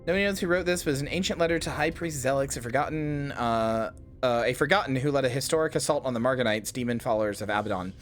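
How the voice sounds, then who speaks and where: Fast-talking in a mid-range voice, this streamer comments on his game as he plays, with soft music in the background. His casual talk rambles on, packed with fillers, swears and sudden loud outbursts.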